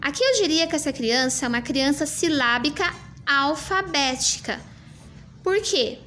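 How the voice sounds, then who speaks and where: A woman teacher explaining a classroom writing assessment, slowly sounding out words as she goes. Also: high-pitched, fairly bright tone, a little hiss or hum.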